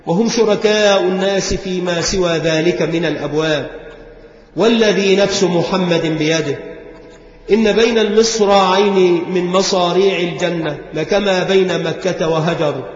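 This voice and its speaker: High-voiced male preacher in an echoey hall. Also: steady tone, moderate pace. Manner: recites hadith narration in an earnest preaching cadence. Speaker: Islamic scholar teaching a creed text. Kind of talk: religious lesson. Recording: echoey hall, dull lo-fi recording.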